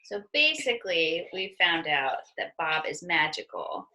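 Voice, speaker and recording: A woman at home reading a children's book aloud with a child, pausing to ask patient questions about the story. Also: lowish voice, very animated, sharp tone, low-quality recording.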